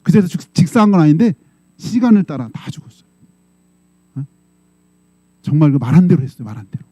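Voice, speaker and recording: This middle-aged male pastor preaches conversationally in a church sanctuary, his mellow voice on the high side, brisk, with big pitch swings, in a dry recording. He regularly checks in with the congregation and acts out quoted voices in short dramatic bursts.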